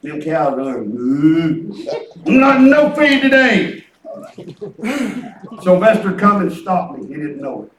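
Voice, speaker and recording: Male preacher, fifties, rural Southern US twang, very high voice, excitable folksy storyteller; echoey room. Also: measured pace. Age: 50s. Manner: excitable, colloquial, chuckles through anecdotes. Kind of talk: folksy, rambling sermon with storytelling. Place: church hall with responding congregation. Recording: echoey church room, distant microphone.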